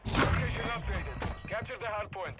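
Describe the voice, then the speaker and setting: Terse high-pitched military announcer. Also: male voice, very animated, moderate pace, over loud music. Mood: terse, commanding. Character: military shooter game announcer giving terse orders. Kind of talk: scripted game announcements. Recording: faint under gunfire and chatter.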